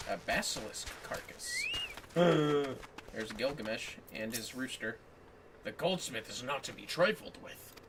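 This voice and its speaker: The man, a livestream co-host in a home office, chats casually and reads game text in a playful, over-the-top style. His mid-range voice has huge pitch swings, moving a little slowly with long pauses. A distant mic records him over music and background noise.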